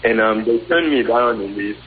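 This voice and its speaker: Male radio caller, lowish voice, muffled underwater-sounding phone line with light hiss, halting and hesitant. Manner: halting, many ums and restarts. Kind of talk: call-in radio question.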